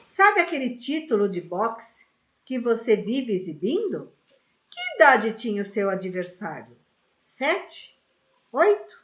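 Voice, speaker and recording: A defiant teenage boy wizard with a sharp, sarcastic tongue, read by a woman. He turns low and threatening when pushed. A lively, slow storybook voice in an echoey room.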